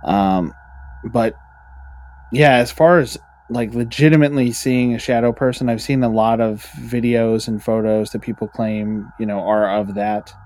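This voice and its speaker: A man's voice: medium pitch, fairly even intonation, measured pace, darkish tone. A man co-hosting a podcast, chatting casually and reading spooky stories, rambling with lots of fillers and restarts. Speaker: podcast co-host.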